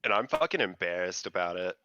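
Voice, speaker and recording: A man's voice: deep voice, lively intonation, brisk, pushed and bright, lo-fi sound, slight background noise. A man playing a tabletop game, talking in a laid-back, sweary way and trailing off mid-thought. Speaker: player. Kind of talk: casual tabletop play.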